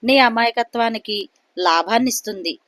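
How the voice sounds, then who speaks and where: A woman's voice: fairly high pitch, moderate pace, a bit bright, no echo, close to an everyday voice. Woman as a coaxing boon-granting goddess. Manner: coaxing, scolding.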